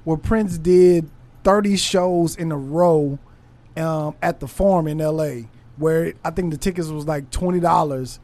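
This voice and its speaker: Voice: medium pitch, unhurried, warm tone. Playful, curious podcast host. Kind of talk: casual interview chat.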